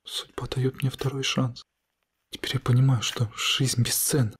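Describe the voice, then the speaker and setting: A man's voice: mid-range voice, level tone, moderate pace, husky. A man voicing a weak, desperate young man in a horror story, overwrought and pleading. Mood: pleading relief. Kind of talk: acted horror story dialogue.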